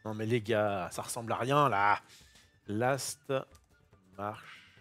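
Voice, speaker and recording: A man hosting a casual card-opening session in his kitchen, chatty and excitable, thinking aloud and using casual slang. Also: lowish voice, moderate pace, soft background music. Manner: self-interrupting, thinking aloud. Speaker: host opening trading card boosters. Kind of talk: casual unboxing commentary. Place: home kitchen.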